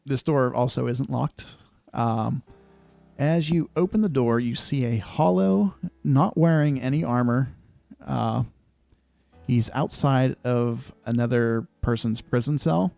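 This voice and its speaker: A man runs a tabletop game, describing rooms and sounds slowly with frequent "uh"s. His voice is gravelly and dark. The sound is dry, with faint music behind. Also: mid-range voice, dry recording. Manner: measured descriptive narration with many fillers. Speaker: game master.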